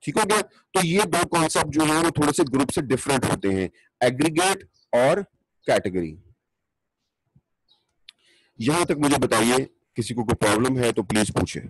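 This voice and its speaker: A man from Pakistan lecturing an online class, explaining slowly and deliberately while his computer mic distorts and clips. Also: medium pitch, animated, no room sound. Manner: slow, deliberate explaining with questions to students. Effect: distorted, clipping mic. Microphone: computer mic on an online call.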